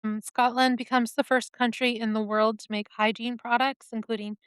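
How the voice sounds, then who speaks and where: A woman co-hosting a casual podcast, reading out news stories in a halting way with pauses and fillers. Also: a little high, flat delivery, clear, resonant tone, dry recording. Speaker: podcast co-host.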